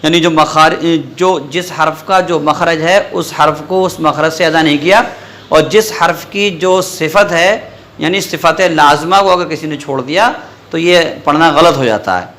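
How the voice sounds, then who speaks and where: A man with a high, bright voice leads a class in Quran recitation. He fires questions at the students and repeats their answers. When he demonstrates a word, he draws the syllables out slowly. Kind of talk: classroom lesson with call-and-response.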